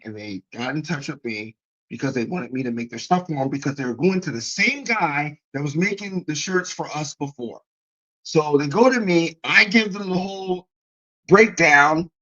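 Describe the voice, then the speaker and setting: A man on a livestream telling a story from his own life in a casual, animated way, swearing freely and restarting often. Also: a little high, dull audio. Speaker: guest.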